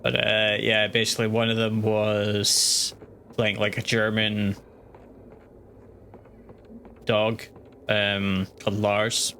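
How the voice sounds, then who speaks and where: A man's voice: lowish voice, completely flat delivery, slow pace, sharp tone, a little hiss or hum. A man streaming a game live, chatting casually and rambling with lots of restarts. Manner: rambling, full of fillers and restarts. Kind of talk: casual gaming livestream chat.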